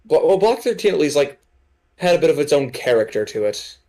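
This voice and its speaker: A young man with a lively, somewhat high voice talks on a group stream. He is excitable and keeps jumping in over the others in quick bursts. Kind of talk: casual group chat on a stream.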